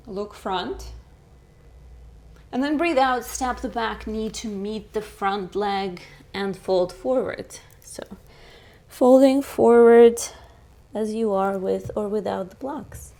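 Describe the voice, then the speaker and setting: Young yoga teacher lady, slowww calm cues, bit high voice, breathe in breathe out vibes. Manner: slow, calm cueing of breath and poses; playful and encouraging between rounds. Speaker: yoga instructor. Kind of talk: guided yoga class instruction.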